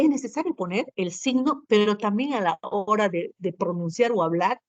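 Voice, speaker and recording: A woman's voice: medium pitch, no room sound. A woman teaching a Spanish grammar class to students, explaining patiently and tagging her sentences with short questions. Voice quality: keeps adding tag questions, asks and answers herself. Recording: dull, lo-fi, dry sound.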